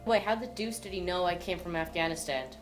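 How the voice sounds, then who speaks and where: A woman's voice: lowish voice, brisk, natural voice. Lady doing a tired army doc, earnest and curious, asks lots of questions, music in the back. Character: earnest, worn-out army doctor man. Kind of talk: amateur drama reading. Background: background music.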